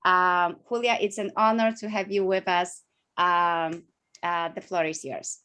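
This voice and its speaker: A woman's voice: on the low side, steady tone, unhurried, pushed and bright. A woman moderating an online forum, reading a prepared introduction of a guest speaker with a few fillers. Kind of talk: formal introduction.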